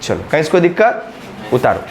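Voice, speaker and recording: A man's voice: fairly high pitch, wildly swooping pitch, a little fast, noisy background. A male maths teacher, teaching a class in a classroom and coaxing students by checking again and again whether they follow. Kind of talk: classroom lesson at a whiteboard. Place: classroom, recorded in summer heat.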